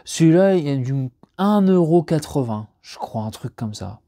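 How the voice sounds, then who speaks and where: A man chatting casually while unboxing discs at home, rambling with many fillers and restarts, and jumping up in pitch when he gets excited. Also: normal speed, no room sound, studio quality.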